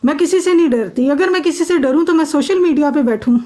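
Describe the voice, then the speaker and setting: A woman's voice: high-pitched, mellow. A woman on a phone live stream arguing emphatically, insisting the other person listen to her. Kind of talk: heated live-stream argument.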